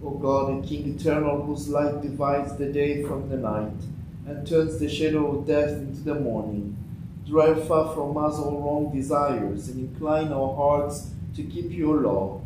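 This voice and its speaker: Slow man reading prayers in an echoey church. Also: fairly high pitch. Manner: slow, measured recitation of set prayers. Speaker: lay reader leading morning prayer. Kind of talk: liturgical reading. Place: small church sanctuary, at a lectern. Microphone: far fixed camera. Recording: echoey church from far off with background noise.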